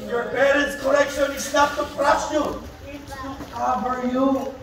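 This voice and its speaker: A middle-aged Filipino man preaching with passion at a youth camp, his voice pitched unusually high. He is heard from well back in a large, booming hall, with a faint hiss under it all. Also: steady tone, takes it slowly, distant mic. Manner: passionate preaching, switching between Tagalog and English. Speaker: pastor. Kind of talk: sermon.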